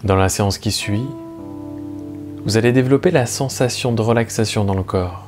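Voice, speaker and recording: Low-voiced man guiding relaxation over music. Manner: slow, calm, soothing, measured with long pauses. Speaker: guided meditation teacher. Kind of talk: guided relaxation narration. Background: soft plucked guitar music.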